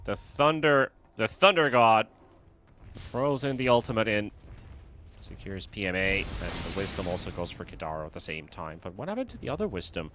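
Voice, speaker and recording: A man's voice: fairly low pitch, very animated, normal speed, a bit bright, soft background music. A man who is under the weather, giving live play-by-play commentary on a video game match. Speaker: esports commentator. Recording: noisy, game battle sounds behind.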